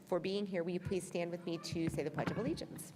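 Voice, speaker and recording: A woman's voice: fairly low pitch, fairly even intonation, fast talker. A woman chairing a school board meeting, calling it to order in a friendly, brief way, her voice ringing with heavy hall echo. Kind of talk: opening a public meeting. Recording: echoey reverb from a distant mic, background noise.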